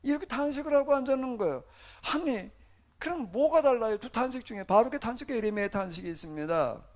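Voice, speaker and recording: A man's voice: extremely high pitch, animated, quick pace. A male pastor preaching a sermon in a conversational style, asking the congregation rhetorical questions and acting out laments.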